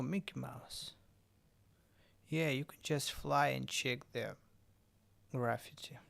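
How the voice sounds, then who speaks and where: Male streamer, English speaker, unhurried delivery with a gravelly edge. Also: mid-range voice. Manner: halting, self-correcting non-native English. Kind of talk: casual game stream chat.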